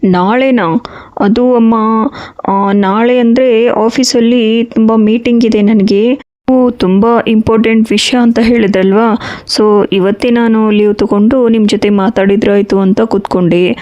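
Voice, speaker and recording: A man's voice: sits high, steady tone, unhurried, darkish tone. A man playing a hesitant, apologetic young adult son who works in an office, in a home drama. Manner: hesitant, filler-laden, apologetic. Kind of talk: Kannada home drama acting. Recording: slightly dull audio.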